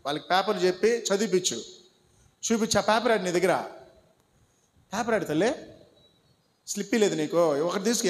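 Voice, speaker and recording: A male pastor, preaching and urging his congregation along by name. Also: high voice. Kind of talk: sermon with congregation instructions. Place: church hall. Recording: long hall reverb.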